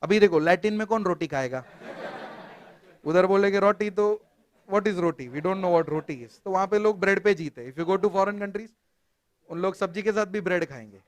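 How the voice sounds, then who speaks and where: Lively Indian male teacher, high voice. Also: moderate pace. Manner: lively, jokey, quizzes students, mixes Hindi and English. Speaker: company law teacher. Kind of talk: classroom lecture. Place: classroom.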